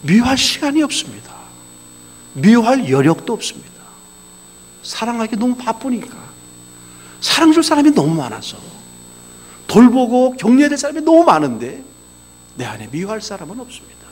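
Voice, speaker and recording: A man delivers a sermon in a high, bright-pitched voice that leaps up and down as he tells stories. His tone is chatty and folksy. He drops into low, confiding asides, then rises into excited exclamations. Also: moderate pace, long pauses, a little hiss or hum. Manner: animated storytelling, swinging between low asides and raised exclamations; conversational, folksy. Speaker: pastor.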